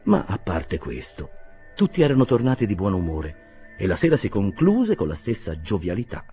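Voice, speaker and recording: Expressive man reading a classic novel. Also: deep voice, moderate pace, soft background music. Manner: theatrical, expressive storytelling. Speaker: audiobook narrator. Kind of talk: scripted narration, literary reading.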